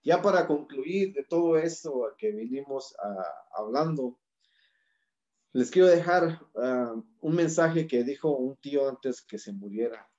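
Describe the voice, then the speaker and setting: A man's voice: mid-range voice, lively intonation, unhurried, mellow, muffled recording. A man giving an impassioned public talk with a Mexican Spanish accent, building his points through rhythmic repeated lists. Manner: rhetorical, listing in rhythmic repetitions. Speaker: speaker at a community forum.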